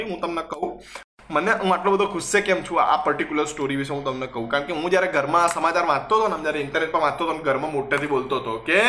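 A man's voice: high voice, sharp tone. A young man hosting a comedic mock news monologue, sarcastic, mixing in English words. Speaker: host. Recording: echoey room.

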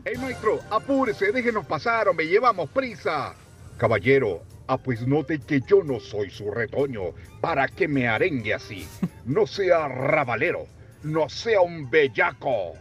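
A man acting out a pompous gentleman who scolds a rude driver with formal, old-fashioned insults in a recorded joke skit. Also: medium pitch, expressive, measured pace, soft background music, close to an everyday voice. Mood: indignant.

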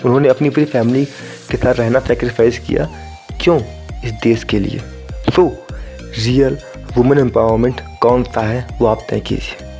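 Mellow-voiced young Indian podcast host. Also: male voice, medium pitch, fairly even intonation, moderate pace, vocal fry, faint music behind. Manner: conversational, addresses listeners directly, mixes in English phrases. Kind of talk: casual solo podcast monologue.

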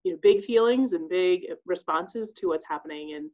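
A woman's voice: fairly low pitch, moderate pace, a little mellow. Woman, school social worker, podcast guest, earnest, explanatory, slightly dull recording. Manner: earnest, explanatory, some fillers. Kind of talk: casual podcast interview.

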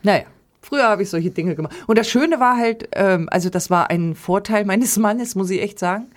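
A woman telling lively anecdotes in casual chat, laughing often and acting out quotes. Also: mid-range voice, moderate pace.

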